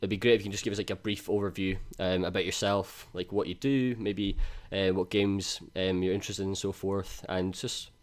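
A man's voice: low-pitched, little pitch movement, a little fast, few pauses. A man hosting a podcast, enthusiastic and full of casual fillers. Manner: enthusiastic, many fillers and likes. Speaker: podcast host.

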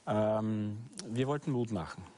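A man's voice: fairly low pitch, a little slow, dark tone. A middle-aged man speaking as a guest author, earnest and hesitant with many fillers. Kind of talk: studio discussion. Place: studio set with books.

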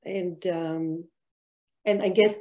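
Over a video call, a middle-aged Israeli artist answers interview questions as a guest, reflecting aloud with plenty of fillers and restarts. Her voice is fairly low and dark, her intonation fairly even, and her pace slow.

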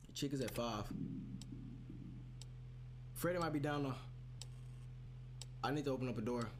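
A man's voice: mid-range voice, moderate pace, background noise. A man doing casual live horror game commentary to his chat, sounding scared, with slangy, profane, repetitive talk. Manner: slangy, profane talk, often repeating phrases. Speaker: video game streamer.

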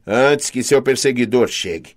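A man with a Brazilian Portuguese accent voicing a short, stocky male dwarf god in an audiobook, curt and a bit louder than the narration. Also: medium pitch, measured pace, lightly acted. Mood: brisk. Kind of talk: audiobook character voice.

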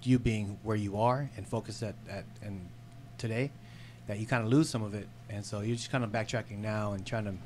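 Relaxed man telling his story slowly. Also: lowish voice, slight background noise. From San Diego, California. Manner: relaxed, unhurried storytelling with fillers. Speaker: podcast guest, dancer. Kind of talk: casual podcast chat. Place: small studio with red curtains. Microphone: studio mic on boom arm, headphones.

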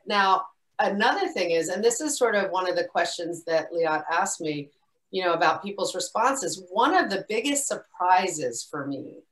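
A woman filmmaker answering audience questions in a relaxed way. She talks haltingly, with many restarts and a lot of "you know.". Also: on the low side, rough recording. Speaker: filmmaker guest speaker. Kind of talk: casual Q&A talk. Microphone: video call.

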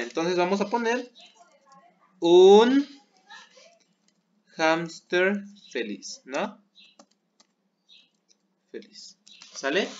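A man's voice: a little high, fairly bright tone, lo-fi sound. A man teaching English words in an online class, patiently checking understanding as he goes. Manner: patient, keeps checking with "¿sale?".

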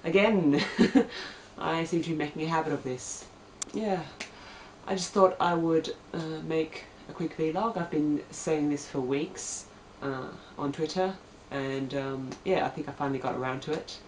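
A young Australian woman with a deep, darkish voice chats casually to her camera at home at a measured pace, hesitant and full of ums. The vlog is recorded on a camera mic at a distance in an echoey room, with a little hiss or hum.

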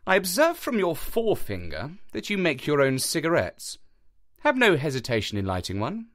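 A man voicing a brisk, self-assured gentleman detective, speaking in an emphatic, theatrical way with a high, lively, swooping delivery. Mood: courteous. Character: brisk, eager gentleman detective, sharp and sure.

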